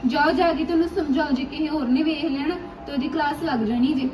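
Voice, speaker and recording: A young woman playing a sharp-tongued, meddling daughter-in-law. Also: sits high, over music, natural voice. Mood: needling. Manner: needling, quick retorts. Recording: distant mic with background noise.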